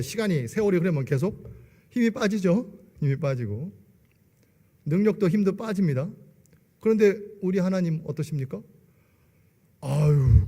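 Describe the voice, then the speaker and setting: This is a high-pitched, warm-toned man in his forties testifying in church. He frequently poses rhetorical questions to the congregation, his words trailing into the long reverberation of a large sanctuary.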